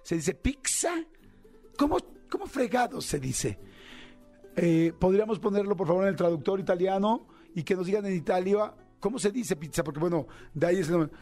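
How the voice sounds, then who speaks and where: Man, Mexican accent, radio host, rambling joking chat, slightly high voice, faint music under. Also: fast talker, hardly any pauses, dark tone. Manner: rambling, joking, thinks aloud with fillers. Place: radio studio.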